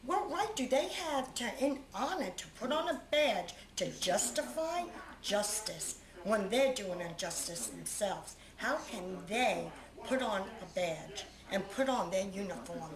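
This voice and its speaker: A woman's voice: medium pitch, big pitch swings, measured pace. A middle-aged woman, the mother of a beaten man, being interviewed and talking indignantly, repeating herself as she describes photos. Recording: roomy with crowd noise.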